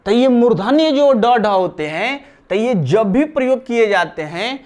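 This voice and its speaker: A man's voice: very high-pitched, animated, measured pace, a little mellow. A man teaching a live online grammar class, explaining step by step and repeating key terms while he writes on a board.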